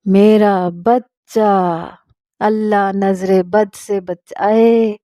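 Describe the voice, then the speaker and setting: A woman's voice: medium pitch, steady tone, mellow, no echo, clean studio sound. Woman doing a doting, flustered mother. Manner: doting, covering up with quick excuses. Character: fussing middle-aged mother, fond and anxious.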